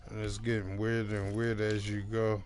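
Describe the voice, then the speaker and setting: A man's voice: on the low side, monotone, fairly quick, a little mellow, a little hiss or hum. A young man streaming a football video game, teasing and mocking his opponent in slangy casual trash talk.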